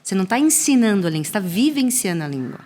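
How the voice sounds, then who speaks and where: A woman in her thirties, a school coordinator, talking in a lively conversational way. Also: medium pitch, very fast. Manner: animated, acts out children's voices in examples. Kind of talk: conversational interview.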